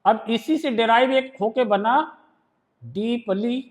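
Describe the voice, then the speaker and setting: Indian man, shorthand teacher, fairly high voice, reads rules out slowly, then explains them patiently. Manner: explains step by step, often checks if students understood. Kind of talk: classroom lesson.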